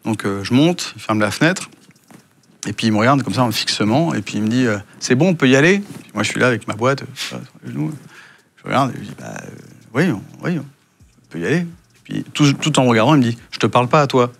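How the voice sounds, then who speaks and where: A man's voice: medium pitch, lively intonation, fast talker, vocal fry, slight background noise. A man from France recounting his past work in a casual interview, with many hesitations, and acting out the dialogue he quotes. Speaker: guest, former intelligence officer.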